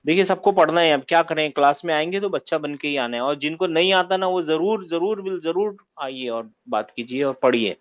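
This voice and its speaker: Male online teacher, slightly high, keeps asking the class for confirmation, lo-fi call sound. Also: a little fast, few pauses. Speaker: Arabic teacher. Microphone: video call. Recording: muffled lo-fi call audio.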